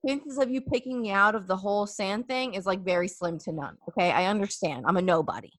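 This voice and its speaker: A woman's voice: mid-range voice, a little fast, no echo, studio quality. A young woman hosting a casual chat, telling a story animatedly with many fillers and acted-out quotes.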